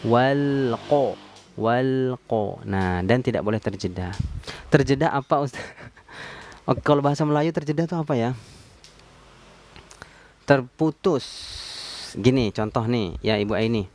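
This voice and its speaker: Male recitation teacher at middle pitch, live-stream lesson, patient and repetitive. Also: lively intonation, a little mellow, a little hiss or hum. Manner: patient, repeats sounds slowly to demonstrate.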